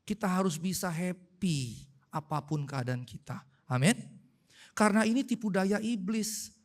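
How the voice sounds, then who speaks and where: A man's voice: high-pitched, measured pace. A man, a pastor preaching a sermon in a church, telling stories and putting questions to the congregation. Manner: animated storytelling, asks the congregation questions. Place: church hall.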